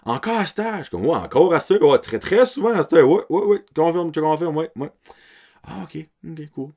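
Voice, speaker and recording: A man's voice: fairly high pitch, lively intonation, fairly quick, dark tone. A man in his thirties with an Acadian French accent, hosting a podcast and telling a story in a casual, laughing way, dropping English words into his French. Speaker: podcast host.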